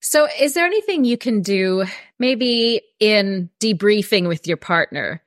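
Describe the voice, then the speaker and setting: A woman's voice: medium pitch, expressive, a little slow, dry recording, clean studio sound. A woman hosting a podcast interview, asking her guest questions in a conversational way. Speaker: podcast host.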